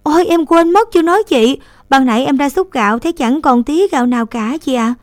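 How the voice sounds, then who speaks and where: A woman's voice: brisk, dry recording, studio quality. A woman voicing a stubborn, pouting little girl in a story. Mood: flustered. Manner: pouting, high-pitched and loud.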